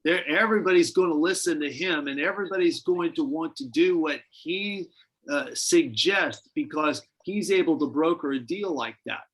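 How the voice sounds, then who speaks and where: A man's voice: a little high, normal speed, fairly bright tone, low-quality recording. A man leading a church Bible study, teaching in a conversational, musing way with frequent restarts. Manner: conversational, speculative, many restarts. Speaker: pastor.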